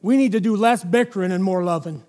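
A man preaches an evening sermon in a church, his voice pitched high. He leans hard on key words, then slows to single drawn-out words or falls to a near-whisper. The sound rings with the long reverb of a big hall. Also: darkish tone.

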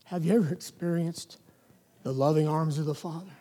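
A male preacher giving an evening sermon in a church, emphatic, stretching single words slowly and dropping to a near-whisper. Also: a little high, steady tone, warm tone, big-room sound.

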